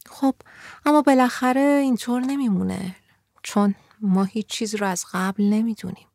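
Brief: earnest teen girl, sixteen, reflective, read by a woman narrator, gravelly edge, dry sound. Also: mid-range voice, steady tone, dry recording, natural voice. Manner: earnest, reflective, sometimes laughing softly. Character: serious thoughtful teenage girl, sixteen.

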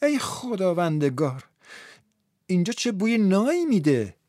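A man's voice: high-pitched, sing-song, a little mellow, no room sound, clean studio sound. A man playing a scolding young woman. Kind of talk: audiobook character voice.

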